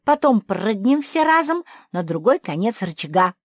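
A woman voicing the youngest pug puppy sister, an excitable and bold little girl who shouts in a shrill, high voice. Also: normal speed, no room sound, studio quality. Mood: excited.

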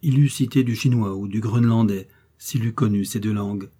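Husky, dark-voiced male audiobook narrator. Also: on the low side. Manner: measured, steady storytelling. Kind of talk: scripted literary narration.

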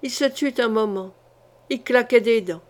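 A woman's voice: fairly high pitch, moderate pace. Woman narrating a historical novel. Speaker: audiobook reader. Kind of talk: literary audiobook narration.

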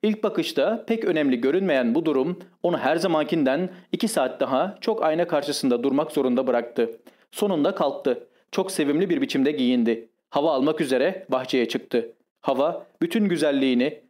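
A man narrating a classic short story as an audiobook, calm and measured. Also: on the high side. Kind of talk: scripted narration.

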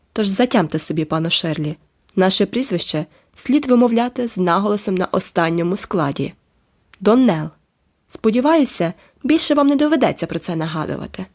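A woman's voice: medium pitch, expressive, fairly quick, natural voice. A woman voicing a pompous, overdressed middle-aged lady who is indignant and fussy, in an audiobook. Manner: haughty, fussy, insistent. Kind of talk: audiobook character voice.

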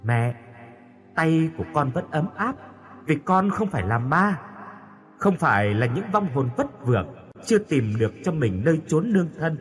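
A man reading the part of a young dead daughter's tender spirit, speaking softly and pleadingly. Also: fairly high pitch, big pitch swings, normal speed, soft background music. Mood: soothing. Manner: soft, pleading.

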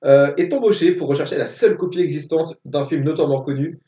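A man's voice: a little high, fairly even intonation, quick pace, dark tone. A man co-hosting a casual film podcast, going methodically through facts and dates. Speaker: podcast co-host. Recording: echoey room, distant dull mic.

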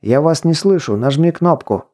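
A man's voice: on the high side, expressive, moderate pace, warm tone, voice pushed up. A man reading an audiobook, voicing a wary, prickly young rich man who answers curtly. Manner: defensive, curt. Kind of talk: audiobook dialogue.

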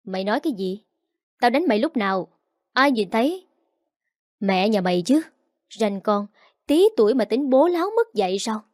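Give me a woman playing a spiteful young shrew, scolding and rude, with a warm, dark tone. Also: fairly high pitch, expressive, normal speed, pauses often, no echo, studio quality, close to an everyday voice. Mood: furious. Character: spiteful young woman, sharp-tongued bully.

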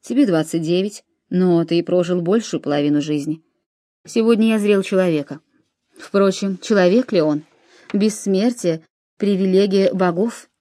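A woman voicing an aging, weary Roman commander in an audiobook, speaking in a low, grave and reflective way. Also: normal speed, dark tone, no room sound, clean studio sound, close to an everyday voice.

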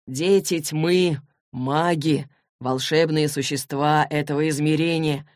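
A cool, unflappable young man, as a woman reader voices him, measured and slow in a lowish voice. The sound is dry and close-miked. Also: dry recording. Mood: cool, unbothered. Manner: calm, slow, slightly lowered delivery. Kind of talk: audiobook character voice.

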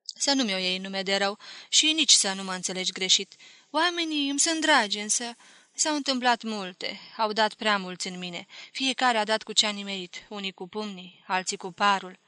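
A guarded young man speaks in a measured, subdued way, voiced by a woman reading a novel aloud. The sound is dry and close, with a bright edge. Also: mid-range voice, dry recording, close to an everyday voice.

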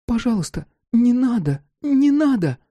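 A frightened young woman begs in a thin, childlike voice close to tears, as a male narrator puts her on. The pitch sits far above his own speaking voice and leaps about sharply. The sound is dry and close. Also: big pitch swings, unhurried, mellow, no echo, full character voice. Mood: pleading. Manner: tearful, doll-like, high and pleading.

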